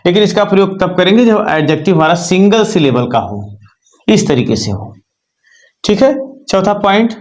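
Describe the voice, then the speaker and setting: A man's voice: high-pitched, animated, moderate pace. Man teaching English grammar. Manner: repetitive, checks in with "ठीक है" and rhetorical questions. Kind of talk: classroom lesson explaining grammar.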